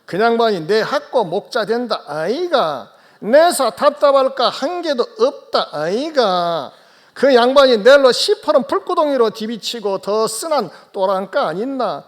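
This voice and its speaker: A man's voice: very high-pitched, voice pushed up, exaggerated voice. A man voicing a blunt, boastful countryman with a Gyeongsang dialect, punching out emphatic tag questions.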